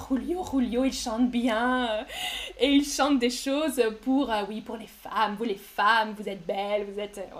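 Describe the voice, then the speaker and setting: A woman teaching on a casual live stream, talking slowly and clearly with many pauses and fillers. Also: high voice. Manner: slow and clear, with many "euh" fillers, sings song excerpts. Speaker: French teacher streaming to learners.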